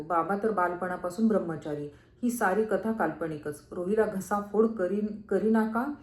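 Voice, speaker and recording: A woman reads a sacred text aloud at an even, measured pace, her voice neither high nor low. The recording carries a noticeable room echo around her. Her delivery is earnest and devotional, like a daily reading. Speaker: scripture reader. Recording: echoey room.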